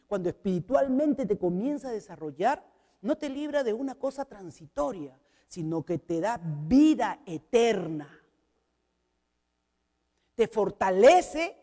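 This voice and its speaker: A woman's voice: fairly high pitch, warm tone, in a large hall. A woman with a Peruvian Spanish accent preaching a sermon, telling a personal testimony to her congregation in an earnest way. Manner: earnest, storytelling, addresses the congregation as brothers. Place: church hall.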